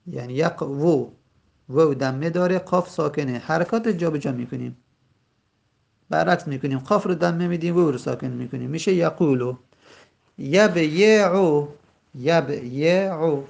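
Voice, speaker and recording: Man, grammar lesson, slightly high voice, gravelly, drawn-out examples. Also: a little mellow. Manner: stretches out the example words slowly, then explains in quick asides. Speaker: teacher.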